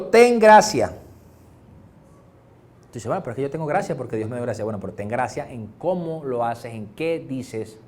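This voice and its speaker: Male Venezuelan pastor, higher-pitched, chatty sermon full of jokes and acted-out exchanges. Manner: animated, joking, acts out little dialogues. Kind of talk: conversational sermon.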